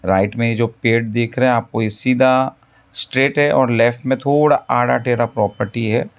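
A man selling farmland in a voice-over, repeating his selling points in a pitchy salesman's patter. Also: steady tone, moderate pace, highs cut off. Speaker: land broker. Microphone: voice-over over drone footage.

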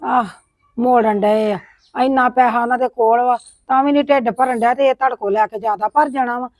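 A woman's voice: on the high side, fairly even intonation, brisk, a little mellow, no echo. A middle-aged woman acting a complaining widowed sister-in-law in a village family drama. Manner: complaining, scolding tone.

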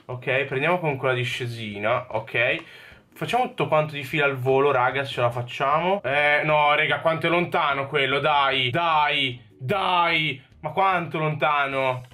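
A young man with an Italian accent commentating his own video game play, excitable, swearing and talking to himself. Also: on the high side, a little slow. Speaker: gaming YouTuber. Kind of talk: Minecraft parkour gameplay commentary.

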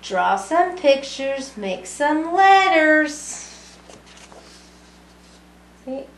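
This high, gravelly voice belongs to a middle-aged woman, an early childhood education student reading a rhyming picture book to young children. She reads in a singsong manner and drops in little explanatory asides. It's a roomy, echoing home recording from a small indoor room with a brick wall.

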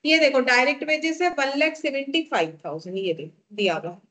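A woman with an Indian accent teaching a lesson step by step, asking questions and answering them herself as she dictates figures slowly. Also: high-pitched, very animated, fairly bright tone.

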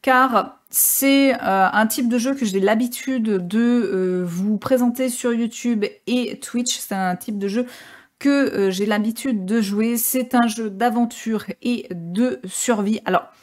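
A woman's voice: a little high, takes it slowly. A woman gaming streamer giving casual gameplay commentary, chatty and joking with many hesitations.

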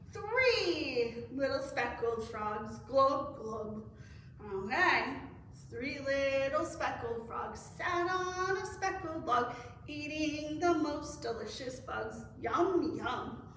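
Recorded from afar by a camera on the other side of the room, this high-pitched, somewhat bright woman is a middle-aged children's librarian. She runs story time with readings, action songs, and upbeat sing-song counting, and the echoey room carries a little background noise.

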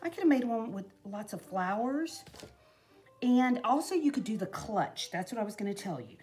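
A woman's voice: a little high, sing-song, normal speed, a little mellow. A middle-aged woman, chatting in a rambling way while she shows a craft project at home, with lots of "you know". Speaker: craft vlogger. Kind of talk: casual crafting demo talk. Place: indoors at a craft table in a home.

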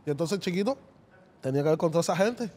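A man's voice: a little high, very fast. A man, a musician guest on a casual podcast, telling a story and acting out the voices of the people in it. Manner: animated storyteller, acts out voices.

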